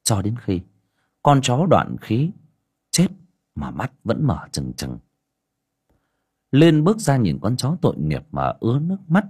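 A man narrating a village story as an audiobook in a dramatic, expressive way. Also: mid-range voice, unhurried, long pauses, breathy edge.

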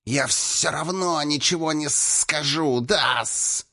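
Audiobook: man as a sly hissing snake-king sorcerer, higher and softer than his own voice. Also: slow pace, no room sound, studio quality, full character voice. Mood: hissing defiant. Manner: sly, insolent. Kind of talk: audiobook character voice.

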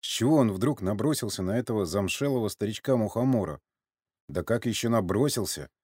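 A man's voice: on the low side, lively intonation, fairly quick, a little mellow, breathy edge, dry recording, studio quality. A man reading an audiobook as narrator, telling the story steadily.

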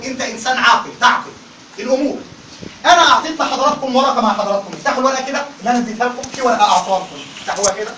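An Egyptian man lecturing a classroom on Quran recitation, fired up and constantly prodding his students to answer. His voice is high and bright, and it comes from a bit away from the mic in an echoey room. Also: far from the mic, a little hiss or hum. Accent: Egyptian Arabic. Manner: animated, keeps calling on the class to answer.

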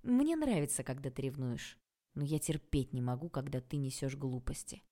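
A woman voicing a confident, teasing grown man in an audiobook, speaking calmly and self-assuredly. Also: extremely low pitch, moderate pace.

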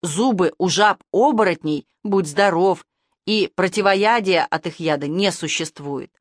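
A woman voicing a gruff old male werewolf police major who rants and lectures. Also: lowish voice, unhurried, no echo, clean studio sound. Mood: grim. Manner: ranting, lecturing.

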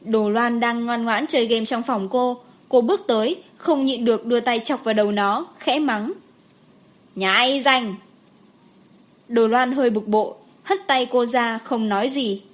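A woman reading an audiobook in an even storytelling way. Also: fairly high pitch, normal speed, hardly any pauses. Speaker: audiobook narrator. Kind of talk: scripted narration.

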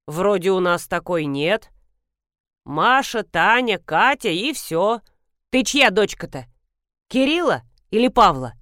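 A woman voicing a grumpy, half-deaf elderly woman pharmacist who scolds loudly and demands people speak up. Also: mid-range voice, sing-song, slow pace, dry recording, studio quality. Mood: scolding.

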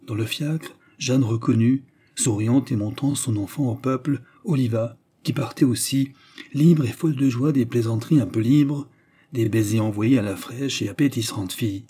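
A man narrating a classic novel as an audiobook in a measured, steady reading. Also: medium pitch, slightly rough.

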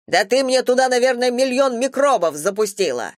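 A squeamish, indignant young man, read by a woman. He complains loudly and fussily. Dry, close recording. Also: on the high side, expressive, normal speed, no room sound, voice pushed up, lightly acted. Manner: indignant, fussy.

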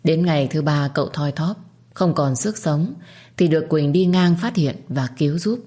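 A woman narrating a dramatic story in a steady, measured reading voice. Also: deep voice. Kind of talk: scripted narration.

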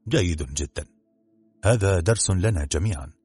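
A man voicing a calm, sharp-witted detective in a storybook reading, speaking with quiet amusement and a husky voice. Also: low-pitched, normal speed, soft background music.

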